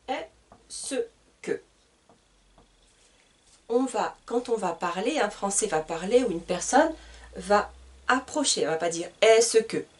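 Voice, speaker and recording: A woman from France gives a beginner language lesson at a very slow, careful pace, repeating each example sentence word by word. Her fairly high voice rises and falls in a lively way. She sounds set back from the microphone. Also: far from the mic. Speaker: French teacher.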